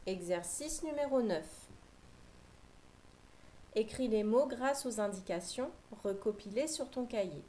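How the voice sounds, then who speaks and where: A woman teacher giving a slow, patient phonics lesson for young children, spelling out sounds clearly. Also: fairly high pitch, animated, dark tone, slight background noise, rough recording.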